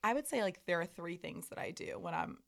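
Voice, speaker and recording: Low-voiced chatty young woman. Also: wildly swooping pitch, brisk, vocal fry. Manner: rambling, filler-heavy, candid and self-deprecating. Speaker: podcast co-host. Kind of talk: casual chat.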